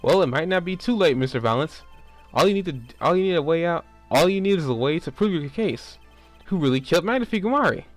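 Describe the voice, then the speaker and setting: A man's voice: on the high side, a little fast, faint music behind, voice pushed up, lightly acted. Man playing a probing game lawyer. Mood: pressing. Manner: questioning, expressive.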